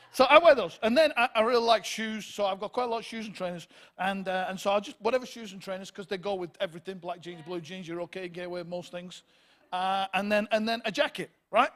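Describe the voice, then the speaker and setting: A middle-aged man preaching a sermon at a church service, animated and humorous, dropping to hushed asides and rising to loud outbursts. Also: high voice. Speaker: guest preacher.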